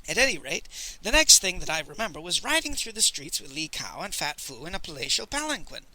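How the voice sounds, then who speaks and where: Bright, lively male audiobook narrator. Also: a little high, low-quality recording. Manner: expressive storytelling.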